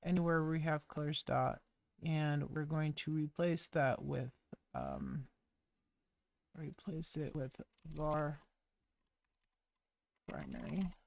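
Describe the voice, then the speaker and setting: On a web development live stream, a woman mutters her way through each coding step, casual and wry. Her low, gravelly voice has a darkish tone and plenty of animation, and she talks slowly, narrating to herself as she types.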